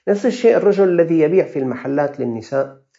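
Man with levantine accent, religious scholar, fatherly q&a advice, dark tone, dull lo-fi sound. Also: a little high, lively intonation, very fast, gravelly. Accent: Levantine Arabic. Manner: earnest, fatherly advice to listeners. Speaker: religious scholar answering viewer questions. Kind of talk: religious Q&A answers.

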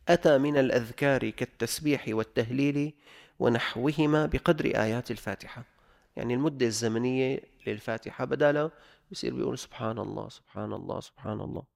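A male religious teacher, his voice gravelly, at an ordinary middle pitch. He reads from a legal text and then explains it in everyday speech. He slows down to repeat each example. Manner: repeats examples slowly for emphasis.

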